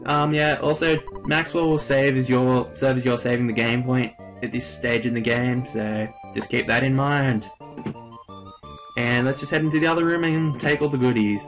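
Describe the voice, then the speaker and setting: A man's voice: medium pitch, fairly even intonation, moderate pace, soft background music. Crude joking Australian guy commentating. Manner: casual, crude, joking, puts on British voices for characters. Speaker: let's play commentator. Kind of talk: recorded game commentary, reading dialogue aloud.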